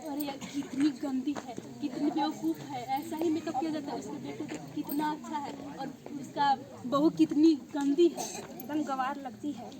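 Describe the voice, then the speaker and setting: A woman's voice: very high-pitched, steady tone, moderate pace, few pauses. A girl acting in a school stage play as a snooty visitor who is sneering and fussy. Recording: clear crowd, outdoor stage.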